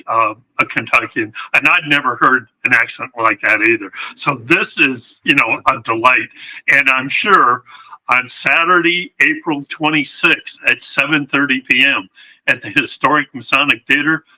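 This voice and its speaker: A man hosting an interview as a newspaper editor, appreciative and quick to laugh. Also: on the high side, poor audio. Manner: warm, appreciative, laughs easily. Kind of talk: interview host.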